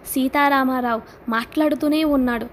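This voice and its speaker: A woman narrating a literary novel as an audiobook, in a steady storytelling manner. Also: high voice, normal speed, slight background noise.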